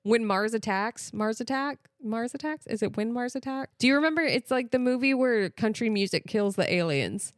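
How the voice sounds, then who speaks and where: An American woman co-hosting a podcast, talking in a chatty, animated way full of "like" and "literally". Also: fairly high pitch, moderate pace, hardly any pauses, no echo, studio quality. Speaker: podcast co-host. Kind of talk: casual chat.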